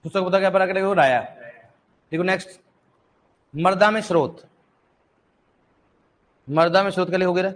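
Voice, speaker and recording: A man's voice: high-pitched, moderate pace, long pauses. A male agriculture teacher lecturing a classroom in with a tinge, quizzing students and repeating key answers, joking now and then.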